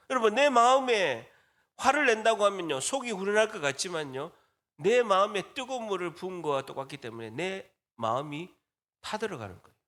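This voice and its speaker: A man with a high, bright voice preaches a sermon to his congregation. His pitch swings widely as he asks question after question and leads the listeners in repeating after him. He speaks as a pastor in a church. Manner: call-and-response preaching, asking the congregation questions. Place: church sanctuary.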